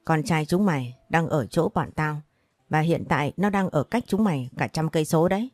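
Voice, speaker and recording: A woman reads a cold male kidnapper in an audio story, sharp and threatening. His voice is low and dark, as the narrator puts him on. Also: moderate pace, dry recording, soft background music. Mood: menacing.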